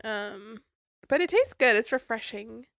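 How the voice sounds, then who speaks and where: Young woman podcast cohost, stuffy nasal voice, bit high, chatty and giggly, dry close sound. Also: animated, unhurried, fairly bright tone, no echo. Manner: chatty, giggly, lots of likes and ums. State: stuffy, congested nose. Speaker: podcast co-host. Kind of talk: casual chat.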